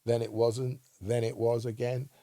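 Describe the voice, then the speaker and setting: A man's voice: medium pitch, flat delivery, a little slow, mellow, no echo. A man who used to play football, co-hosting a casual football chat and often checking in with "right?". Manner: emphatic, asks "right?" often. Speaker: co-host, former footballer.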